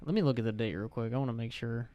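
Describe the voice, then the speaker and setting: Young male podcast host, clear resonant voice, dry close sound, casual and rambling. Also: medium pitch, rapid-fire, dark tone, no room sound, dull audio. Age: young adult. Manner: rambling, self-correcting.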